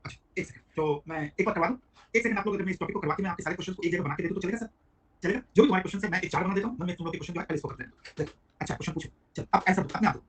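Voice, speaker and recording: Fast-talking man teaching a class. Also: high-pitched, a bit bright, slightly rough. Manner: rapid, chatty, addresses students by name. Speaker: GST teacher. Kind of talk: live online class lecture.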